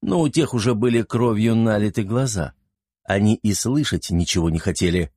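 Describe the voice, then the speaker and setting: A man narrating a fantasy audiobook in a brisk, vivid storytelling manner. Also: fairly low pitch, mellow, slightly rough, no room sound, clean studio sound.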